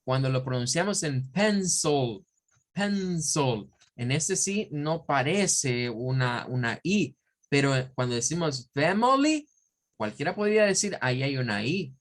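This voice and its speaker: Male teacher, Spanish speaker, unhurried pace, patient drill-style explanations with repeated words. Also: medium pitch, expressive. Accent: Central American Spanish. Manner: looks up words in an online dictionary as he talks. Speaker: English teacher. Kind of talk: online pronunciation lesson.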